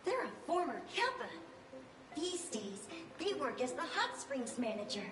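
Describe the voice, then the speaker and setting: A woman's voice: sits high, sing-song, a little slow, reverberant. A woman voicing a small, formal frost spirit working as a hotel lobby manager, in game audio with music behind. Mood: explaining. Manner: formal, polite.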